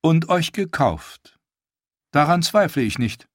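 A man reading an audiobook, voicing a proud young queen who speaks in a regal, measured way. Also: a little high, very animated, no room sound, studio quality, pitched above the performer's own voice, full character voice. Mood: brooding.

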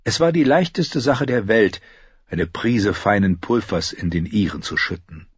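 A man reading a fantasy novel aloud as an audiobook narrator, in an expressive narration style. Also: fairly low pitch, measured pace, husky, no echo, lo-fi sound.

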